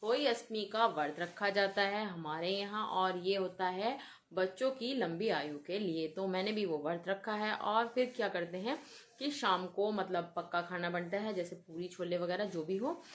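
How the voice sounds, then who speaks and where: A woman's voice: mid-range voice, normal speed. A young woman with an Uttar Pradesh Hindi accent, chatting casually to her viewers at home in a festival vlog. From Uttar Pradesh, India. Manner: chatty, addresses viewers directly as guys. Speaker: vlogger.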